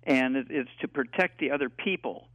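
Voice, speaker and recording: A man of eighty, a guest health expert on a call-in radio talk show, rambling and halting with many fillers over a tinny phone line. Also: mid-range voice, no echo. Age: 80s.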